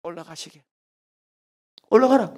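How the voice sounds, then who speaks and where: A Korean preacher with a Gyeongsang accent voicing a calm old pastor who gives low, slow commands. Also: male voice. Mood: commanding.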